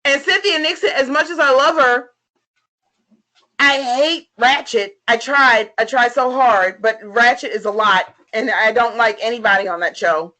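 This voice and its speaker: A woman's voice: on the high side, unhurried, pushed and bright, low-quality recording. A tipsy woman co-hosting a casual review chat, swearing freely and repeating herself emphatically as she gives her opinions. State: tipsy, getting drunker. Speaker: podcast co-host.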